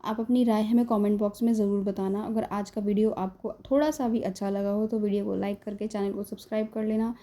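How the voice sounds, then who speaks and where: A woman's voice: mid-range voice, fairly even intonation, fairly quick, hardly any pauses, warm tone. A woman hosting a gossip channel, narrating a celebrity story in a scripted, dramatic way, mixing English phrases into her Hindi and speaking straight to her viewers. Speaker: entertainment gossip channel host.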